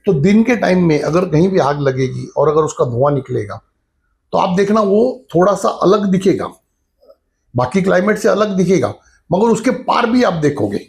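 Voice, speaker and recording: A middle-aged man with a gravelly, crackling voice that sits a little high for a man talks through a spiritual lesson like an informal chat. He explains things step by step and keeps dropping the same filler phrase as he goes, easing into a story from his own childhood. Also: sing-song, normal speed, darkish tone. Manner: conversational, repeats the filler "jo hai na" often. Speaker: spiritual teacher. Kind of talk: casual spiritual talk with storytelling.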